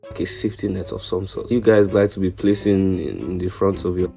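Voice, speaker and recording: A man's voice: low voice, fairly even intonation, fairly quick, gravelly, warm tone, faint music behind. A young man, giving casual comedic voice-over commentary in playful roadman slang.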